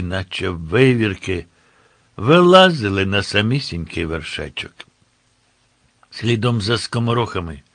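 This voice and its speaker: A man narrating a historical tale in a steady, descriptive storytelling manner. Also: fairly low pitch, no echo.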